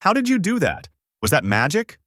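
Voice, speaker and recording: A man voicing a naive, cheerful strong boy in a fan-made story, speaking loudly and guilelessly in a raised voice. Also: big pitch swings, moderate pace, no echo, clean studio sound. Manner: raised pitch, loud and guileless.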